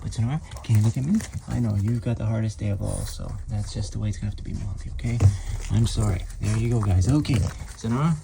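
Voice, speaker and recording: A man in a casual vlog, talking to his dogs in a soothing, reassuring way and repeating himself to calm them. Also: on the low side, fast, gravelly, background noise. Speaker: dog owner filming his dogs. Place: in and around a car at a vet clinic.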